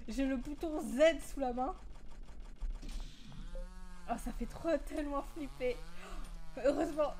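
A high-pitched woman talks over her horror game in a casual, jittery way. She laughs a lot, repeats herself when nervous, and has a faint hiss of noise behind her. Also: darkish tone. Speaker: let's play gamer. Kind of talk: casual horror gameplay commentary.

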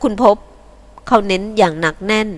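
A woman audiobook reader narrating a novel in a calm, even storytelling manner. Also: mid-range voice, fast.

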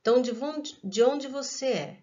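A Brazilian woman with a Brazilian Portuguese accent teaches young children an English lesson in a recorded online class, going slowly and carefully and repeating every word. Her voice is high-pitched and mellow, and the recording sounds muffled.

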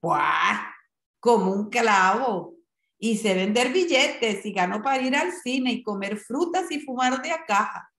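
Woman reader voicing a streetwise boy: brash, self-assured, lower than her own voice, echoey room. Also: sing-song, slow, a bit bright. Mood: cocky.

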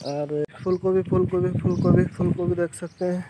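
Here the same kind of casual garden walkthrough plays out, with a young man filming at arm's length, chatty and keen as he addresses viewers directly. Heavy background noise surrounds his high, level voice, which moves at a normal speed.

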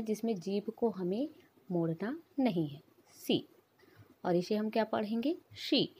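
A woman teacher talking children through English sounds in an unhurried, patient way. Her voice is mellow and a little husky, and she repeats each example slowly. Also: on the high side. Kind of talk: English phonics lesson.

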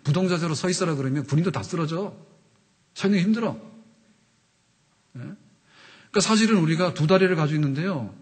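At a church sanctuary pulpit, a pastor in his fifties preaches a conversational sermon into the microphone, often putting questions to the congregation. His husky, fairly high voice is expressive and fairly quick with frequent pauses, and the hall is reverberant.

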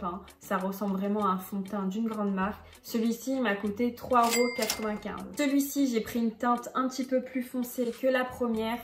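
A young woman, chatting bubbly and animated as a beauty vlogger testing makeup. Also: a little high. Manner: bubbly, chatty, exclaims a lot. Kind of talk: casual makeup tutorial vlog. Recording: echoey room with background music.

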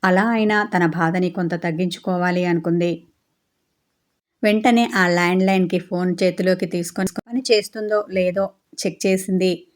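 Woman narrating a novel in a flat voice. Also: fairly low pitch, moderate pace. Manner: steady, even reading. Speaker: storyteller.

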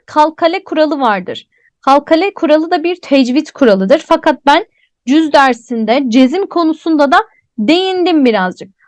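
A woman's voice: high-pitched, no room sound. A woman teaching a Quran recitation lesson, explaining step by step and asking and answering her own questions, drawing out letter names as she recites them. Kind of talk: online tajweed lesson.

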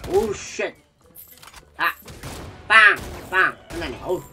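A man streaming a game live, talking himself through each move and yelling at enemies, with many filler sounds. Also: high voice, huge pitch swings, takes it slowly, soft background music. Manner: talks to himself while playing, shouts at enemies; frequent filler sounds between actions. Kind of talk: live gameplay commentary.

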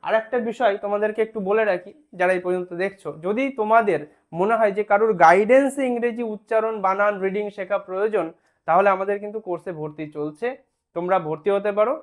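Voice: mid-range voice, fairly even intonation. Patient teacher sounding out spellings. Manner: patient, repeats checks like "okay?", sounds words out slowly. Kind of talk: online spelling lesson.

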